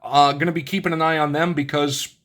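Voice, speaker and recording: A man's voice: on the high side, little pitch movement, brisk, a bit bright. A man hosting his own channel, casually thinking aloud as he reads through a card game's rules and lays out the pieces. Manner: thinks aloud while reading rules, with many restarts and asides. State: has the hiccups. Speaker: channel host reviewing a card game. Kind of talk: casual unboxing commentary.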